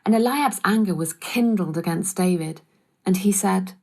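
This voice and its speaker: A woman's voice: medium pitch, moderate pace, dark tone. A woman reading scripted narration of a Bible story.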